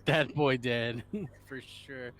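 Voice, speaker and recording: A man's voice: medium pitch, fairly even intonation, very slow, crowd noise. A man playing a tabletop game, chatting casually with the other players.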